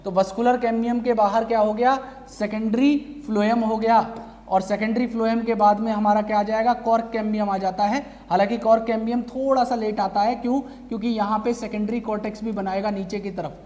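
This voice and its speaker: A man's voice: high-pitched, fairly even intonation, a little fast, darkish tone. A man teaching biology in a lecture over slides. He keeps asking the class questions and answering them himself, and he calls his students "beta". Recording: long reverb, hall-like.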